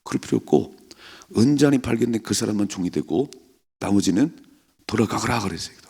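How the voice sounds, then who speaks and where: A male pastor preaching at an early-morning prayer service, animated, acting out what people said and putting rhetorical questions to the congregation. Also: on the low side, fairly quick, breathy edge. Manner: animated, acts out quoted speakers. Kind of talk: dawn prayer sermon.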